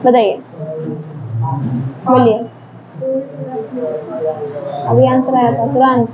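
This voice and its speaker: A woman teacher running a quick quiz drill in a classroom, briskly prompting students to answer one after another. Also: on the high side, level tone, over a noisy crowd. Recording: dull lo-fi classroom recording, faint noise.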